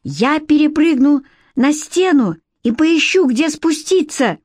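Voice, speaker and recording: A daring twelve-year-old boy from a storybook, voiced by a woman. He talks in a bold, teasing, excitable way, pitched a touch high. The sound is close and dry. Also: takes it slowly, dry recording.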